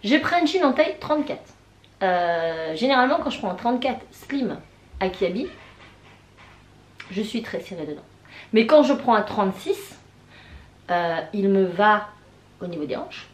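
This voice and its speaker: A woman in her thirties chatting casually in a vlog, hoarse from tonsillitis with her voice mostly gone, hesitant and rambling. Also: mid-range voice, sing-song, a little slow, long pauses. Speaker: vlogger. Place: indoors, bedroom. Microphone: camera on a tripod. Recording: echoey room.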